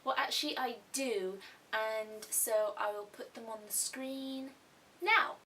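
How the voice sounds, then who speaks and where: A young woman raised in Thailand hosts a casual Q&A for her YouTube art channel, chatting away, repeating herself, restarting and tossing in asides. Her slightly high voice is steady, slow and sharp, with soft music, faint hiss and a somewhat distant mic.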